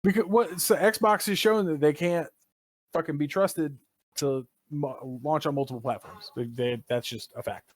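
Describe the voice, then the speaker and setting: A man co-hosting a gaming podcast, talking casually, opinionated and animated, and he swears often. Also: on the high side, normal speed, dry recording. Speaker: podcast co-host. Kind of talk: casual chat.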